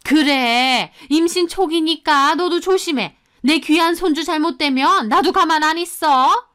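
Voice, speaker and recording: A woman's voice: high voice, a little slow, voice pushed up. Woman voicing a harsh scolding mother-in-law. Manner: sharp, scornful scolding. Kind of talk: Korean story radio drama.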